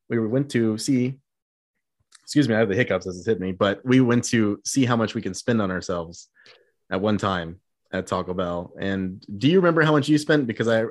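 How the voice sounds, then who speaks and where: A man's voice: lowish voice, no room sound. A man in his twenties hosting a casual chat with friends, loose and profane, rambling with fillers. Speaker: podcast host.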